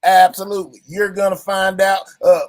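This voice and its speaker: A high-pitched man with a drawl hosts a livestream in a mock-presidential tone. He is boastful and defiant and keeps repeating himself. The sound is dry and close. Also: level tone, normal speed, no echo. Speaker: livestream host.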